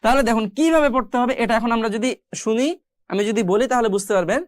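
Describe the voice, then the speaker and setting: A woman with a fairly high, smooth and clear voice teaches Quran recitation in a patient, step-by-step way. She asks the listener questions and slowly stretches out each example sound. She is recorded close to the mic in a dry room with no echo. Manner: patient, explains rules step by step, often asking the listener questions. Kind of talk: tajweed lesson with slow, drawn-out recitation examples.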